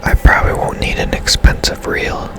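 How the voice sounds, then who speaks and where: A man, the host of a game stream, murmurs hushed ASMR commentary over gameplay. His breathy whisper stays casual, and he muses slowly.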